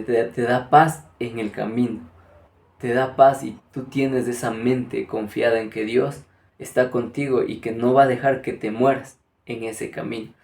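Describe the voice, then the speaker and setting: A man's voice: medium pitch, darkish tone. A man giving an earnest spiritual talk, speaking directly to the listener. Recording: echoey room.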